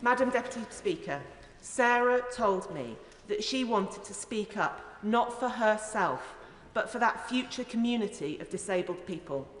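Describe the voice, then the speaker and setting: A woman's voice: mid-range voice, lively intonation, measured pace, hardly any pauses. A woman, a member of parliament, giving an earnest, emphatic and rhetorical speech in a formal parliamentary debate. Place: large indoor parliamentary chamber. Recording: echoey, reverberant debating chamber.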